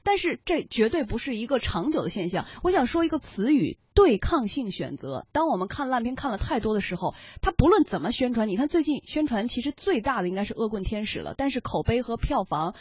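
A woman co-hosting a studio film talk show, talking in a lively, opinionated way with many fillers. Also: fairly high pitch, brisk, few pauses, breathy edge, dry recording. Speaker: co-host. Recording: dull lo-fi broadcast sound.

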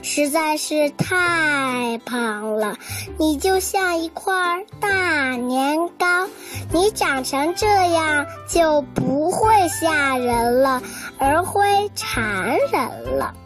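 A woman voicing a caring, sensible little girl who gently coaxes her friend, over children's music. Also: high voice, big pitch swings, extremely slow, exaggerated voice. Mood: coaxing.

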